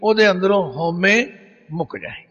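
A man preaching who recites scripture verses slowly and then explains each one. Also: high-pitched, expressive, sharp tone, breathy edge. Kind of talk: religious discourse. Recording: dull echoey hall recording.

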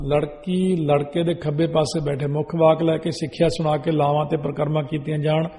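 Male preacher, mellow, higher-pitched voice, instructive sermon, recites verses, long reverb. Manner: quotes scripture verses in a recited cadence; instructive, rule-listing delivery. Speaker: Sikh preacher. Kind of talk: religious sermon on wedding rites.

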